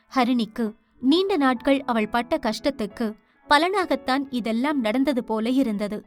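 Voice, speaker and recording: A woman narrating a romance audio novel in steady storytelling style, voicing each character. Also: fairly high pitch. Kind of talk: scripted narration.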